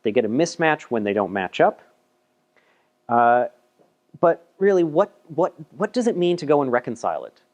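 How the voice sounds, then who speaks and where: In a meetup room, a man with a medium-pitched, sing-song voice walks through a paper at a moderate pace. It's a casual, chatty technical talk with self-deprecating jokes and lots of repeated words.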